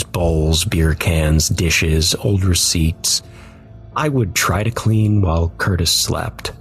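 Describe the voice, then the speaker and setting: A man giving measured, somber scripted narration of a dark first-person story. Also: low-pitched, husky.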